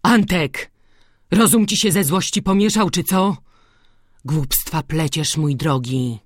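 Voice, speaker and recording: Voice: mid-range voice, slow, dry recording, studio quality. A reader voicing a stern older male village priest who lectures and admonishes, in an audiobook. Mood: scolding.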